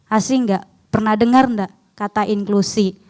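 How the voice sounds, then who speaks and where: A woman's voice: mid-range voice, steady tone, measured pace, darkish tone. A young woman, a foreigner speaking Indonesian with a foreign accent, presenting research informally and often putting questions to her listeners. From outside Indonesia. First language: not Indonesian.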